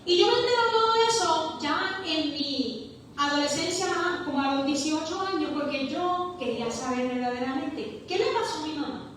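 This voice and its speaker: A woman's voice: high-pitched, lively intonation, fairly bright tone, a little hiss or hum. A woman pastor preaching a passionate sermon, stretching out her key words. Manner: impassioned preaching, drawn-out stressed words. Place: church hall. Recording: echoey church hall heard from far off.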